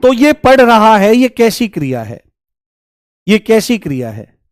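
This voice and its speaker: Male teacher, fairly high voice, dry close sound, repeats examples and quizzes students. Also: very animated, a little slow, dry recording. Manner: repeats examples, coaxing students with rhetorical questions. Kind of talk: online grammar lesson.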